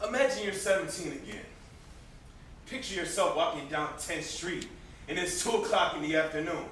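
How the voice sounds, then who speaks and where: In an amateur stage play, a man plays a bitter young brother nursing family grudges, speaking sarcastically and confrontationally in a high, slightly bright, natural voice at a moderate pace. A distant camera microphone picks him up on an indoor theatre stage, giving an echoey recording with faint noise.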